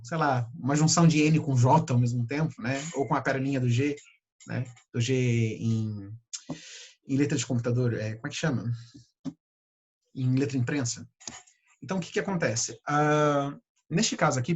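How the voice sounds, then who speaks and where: A Brazilian man teaching English pronunciation, patiently repeating sounds slowly to demonstrate them. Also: a little high, slightly rough. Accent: Brazilian Portuguese. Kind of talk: pronunciation lesson.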